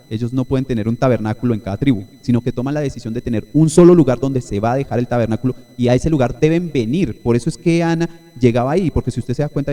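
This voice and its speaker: A man's voice: mid-range voice, warm tone. A male pastor preaching a Sunday sermon at a church service, teaching in an explanatory way and often checking in with his listeners.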